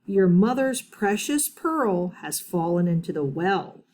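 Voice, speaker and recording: A woman's voice: on the low side, sing-song, darkish tone, slight background noise. Woman doing a grumpy, dreamy old man. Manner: dreamy, grumbling and drawn-out. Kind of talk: storybook reading aloud.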